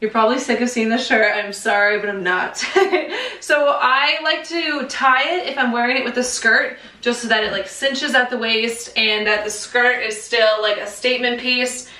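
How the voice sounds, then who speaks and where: A woman's voice: on the high side, moderate pace, pushed and bright. A young woman vlogger chatting casually about her clothes, with lots of "like" and "um", recorded in a half-empty room that echoes. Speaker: fashion vlogger. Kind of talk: casual haul chat. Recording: echoey bare room, voice far from mic.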